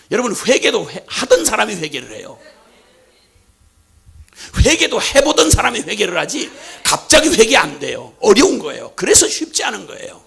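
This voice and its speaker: A man preaching a sermon as pastor, impassioned, at times shouting. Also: very high-pitched, gravelly, breathy edge.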